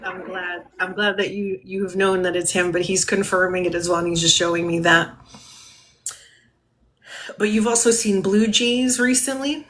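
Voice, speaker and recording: A woman giving a spirit reading to a caller on a live stream, talking gently with many fillers and soft laughs. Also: mid-range voice, little pitch movement, normal speed.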